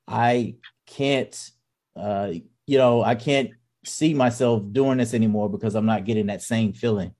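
Low-voiced man, halting casual talk. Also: a little mellow. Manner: halting, many restarts and fillers. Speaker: podcast co-host. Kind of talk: casual chat.

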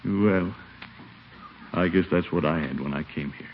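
An actor playing a gentle, plain-spoken man with an uneasy conscience in an old-time radio drama. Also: low voice, a little slow. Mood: humble explaining. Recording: muffled, noisy old radio broadcast.

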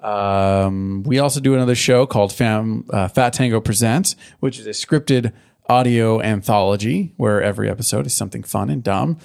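Gravelly-voiced man hosting a podcast. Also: lowish voice, darkish tone. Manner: joking, quick to riff. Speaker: podcast host. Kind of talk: casual chat and show plugs.

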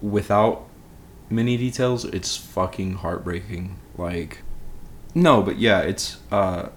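A man's voice: sits low, slow, a little hiss or hum. A man in his twenties, a podcast co-host chatting casually about films, rambling with lots of filler words. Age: 20s. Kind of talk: casual film chat.

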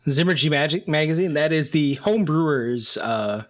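Male podcast co-host, forceful and higher-pitched, profane casual interjections, unhurried. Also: animated. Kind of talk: casual banter.

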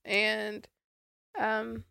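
A woman's voice: mid-range voice, completely flat delivery, extremely slow, gravelly, bright, forceful tone, smooth, no room sound, clean studio sound. Stuffy-nosed young woman co-hosting a podcast. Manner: chatty, giggly, lots of likes and ums. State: stuffy, congested nose. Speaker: podcast co-host. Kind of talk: casual chat.

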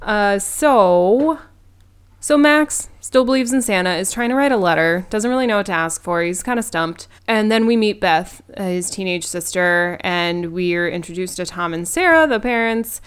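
A woman's voice: mid-range voice, lively intonation, moderate pace, clear, resonant tone. A woman co-hosting a casual movie review podcast, recapping the plot playfully with plenty of fillers and jokes. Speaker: podcast co-host.

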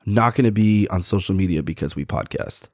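A man's voice: sits low, lively intonation, a little fast, darkish tone, dry recording, clean studio sound. A man around forty co-hosting a podcast in casual chat, joking and blunt, laughing often. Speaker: podcast co-host.

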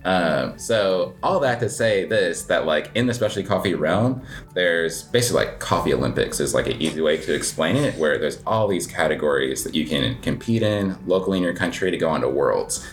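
A low-voiced American coffee shop owner, appearing as an interview guest, answers questions casually and conversationally. He talks fairly quickly with lively intonation, rambling informally and saying "like" a lot.

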